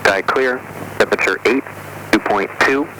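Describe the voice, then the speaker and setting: A man's fairly low voice reads a recorded airport weather broadcast over the aircraft radio. His delivery is flat and steady as he works through the weather figures. Engine noise sits heavily underneath the transmission. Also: moderate pace. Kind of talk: automated airport information readout. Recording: noisy radio broadcast heard through the cockpit.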